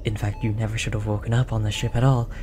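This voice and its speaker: In a soothing, gentle mood, a performer voices a tall, apologetic alien researcher comforting an abducted captive, with soft, hesitant, reassuring delivery. The medium-pitched voice is fast, flat and only lightly acted. Background noise is audible, along with a beeping monitor.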